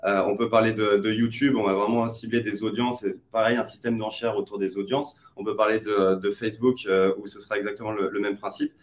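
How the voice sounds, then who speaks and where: A man's voice: on the low side, little pitch movement, a little fast, few pauses. A man, an advertising expert, explaining online advertising in a webinar, hesitant with many fillers and restarts. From France.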